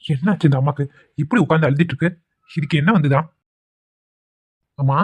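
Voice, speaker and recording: A man's voice: a little high, a little fast, slightly rough, no room sound. A man voicing an arrogant, threatening middle-aged son who quarrels with his mother in a cartoon. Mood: angry. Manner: harsh, threatening. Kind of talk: cartoon voice acting.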